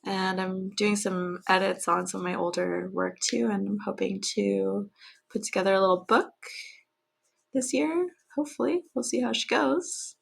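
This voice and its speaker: A woman's voice: mid-range voice, moderate pace, vocal fry. A woman podcaster chatting casually and then reading her own poem aloud, with a self-deprecating manner. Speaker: podcast host and poet. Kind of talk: casual chat and poetry reading.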